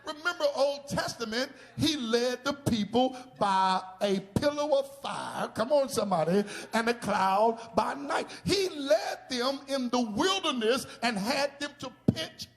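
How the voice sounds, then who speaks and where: A man a sermon as a bishop, shouting in bursts and calling out to the congregation for responses. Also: very high-pitched, expressive, unhurried, few pauses. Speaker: bishop preaching. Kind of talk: charismatic sermon.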